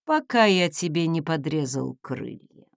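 A woman voicing a stern, quiet dragon lord. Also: sits low, measured pace, creaky, no room sound, clean studio sound, pitched below the performer's own voice, heavily acted. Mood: cold. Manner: quiet, calm, commanding. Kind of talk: audiobook character voice.

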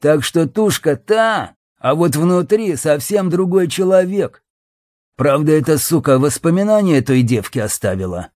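A man's voice: on the high side, sing-song, a little slow, darkish tone, no echo, voice pushed up. Man voicing a gang boss, coarse, jeering, crude, dry close sound.

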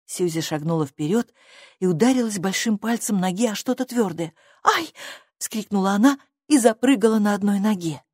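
A woman's voice: medium pitch, animated, brisk, dark tone, no room sound, clean studio sound. Woman reading a storybook aloud. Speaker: narrator. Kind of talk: scripted storybook narration.

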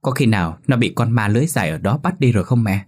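A man's voice: fairly low pitch, lively intonation, fast talker, darkish tone. Young village boy, sulky, sleepy, childlike, storybook voice, read by a man. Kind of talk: horror story reading.

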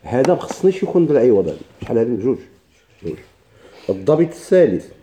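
A man's voice: mid-range voice, sing-song, very fast, dark tone, slight background noise. A man with a Moroccan Arabic accent teaching a classroom grammar lesson, explaining step by step and asking his own questions.

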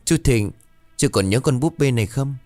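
A man voicing a clever little girl in a spoken ghost story, with a bright, high, lilting child's voice. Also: expressive, moderate pace, no room sound, soft background music, lightly acted. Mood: teasing.

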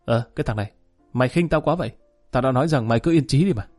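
A man voicing a proud, stubborn male gang boss who talks quickly and dismissively. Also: medium pitch, a little mellow, soft background music, lightly acted. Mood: defiant.

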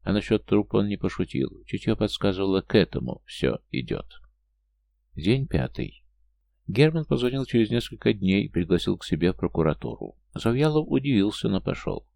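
A man narrating an audiobook in a measured, somber storytelling manner. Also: on the low side, big pitch swings, gravelly, a little mellow, no echo.

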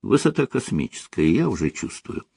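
A man voicing a sleepy, fond young woman who scolds gently in a story reading. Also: fairly low pitch, big pitch swings, normal speed, creaky, slightly rough, no echo, studio quality, full character voice. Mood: tender.

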